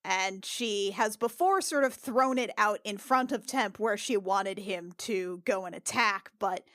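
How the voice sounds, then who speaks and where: A woman's voice: medium pitch, fairly bright tone, no echo, clean studio sound. A woman playing a tabletop game, casually improvising with hesitant, tentative phrasing. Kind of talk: casual, improvised role-play and description.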